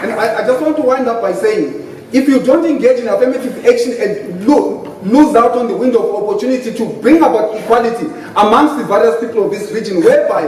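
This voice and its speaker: A man's voice: extremely high pitch, fast, a little mellow. Impassioned Zimbabwean man in echoey hall. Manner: impassioned, emphatic, switching between English and Ndebele. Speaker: political party panelist. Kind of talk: debate speech. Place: hotel conference hall. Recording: very echoey hall, distant mic, faint noise.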